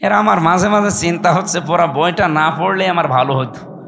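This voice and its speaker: A man with a Bangladeshi accent preaches over a public-address system. His voice sits high, with a bright, hard edge. He exhorts his listeners like a fiery sermon-giver, firing rhetorical questions and demanding that they respond. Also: a little fast, gravelly. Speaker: Islamic preacher.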